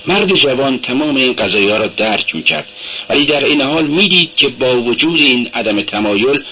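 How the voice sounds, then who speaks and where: A man narrating a classic novel in a steady, measured audiobook reading. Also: medium pitch, breathy edge. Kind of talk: scripted literary narration. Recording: dull lo-fi recording with faint hum.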